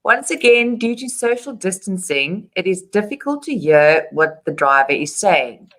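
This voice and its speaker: A woman presents a charity web show with cheerful, scripted energy. Her voice sits on the lower side for a woman, and she reads her lines with an upbeat lilt. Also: expressive, a little slow, a bit bright. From South Africa. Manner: upbeat, reading a prepared script. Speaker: show host.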